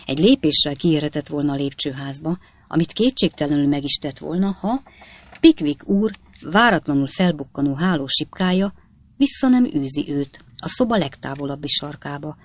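A man reading a classic novel aloud as audiobook narrator, in measured storytelling. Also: on the high side, animated, no room sound. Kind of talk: scripted narration.

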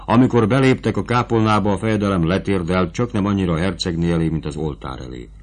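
Man, narrator, audiobook reading, very low voice, measured and expressive. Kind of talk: audiobook reading of a classic novel.

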